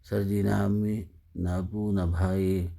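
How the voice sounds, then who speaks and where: A man's voice: low-pitched, flat delivery, gravelly, warm tone. A man reading the lines of a weary, hopeful young woman in a sad story, in his own narrating voice.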